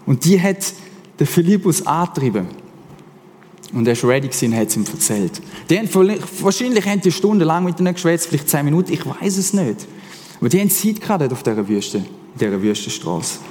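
A man's voice: on the high side, fast talker, slight background noise. Swiss man preaching in a reverberant hall. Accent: Swiss German. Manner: casual, animated preaching with slang. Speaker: pastor. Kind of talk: sermon.

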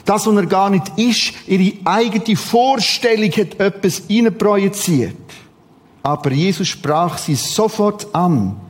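A man preaching a sermon in a lively, conversational way, with sudden emphatic outbursts. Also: high voice, measured pace, in a large hall.

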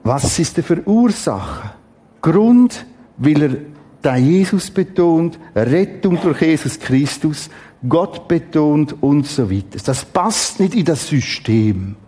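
A middle-aged man preaching a Bible teaching, dramatic and emphatic with exclamations and long pauses. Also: a little high, lively intonation, mellow, breathy edge.

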